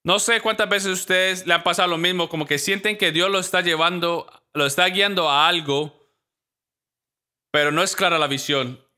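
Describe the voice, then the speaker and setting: A pastor preaching a sermon in a lively storytelling manner, acting out the voices of the people in his stories. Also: high voice, normal speed.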